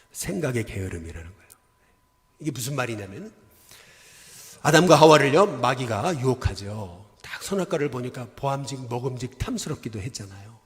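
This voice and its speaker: A man, a senior pastor, preaching a sermon in a church and asking his congregation questions. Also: medium pitch. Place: church sanctuary. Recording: long church hall reverb.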